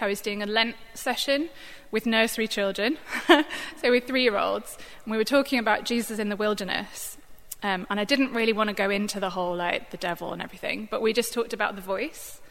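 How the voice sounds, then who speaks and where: A church staff member, a woman with a bright, medium-pitched voice, gives an informal sermon reflection on the Bible. She sounds conversational and thoughtful, using many fillers, and the recording has long hall reverb.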